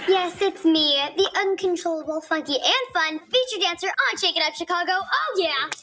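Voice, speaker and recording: A woman's voice: extremely high pitch, noisy background. Sassy wild-child teen girl. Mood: proud. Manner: sassy, quick comebacks. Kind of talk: sitcom acting. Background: background music.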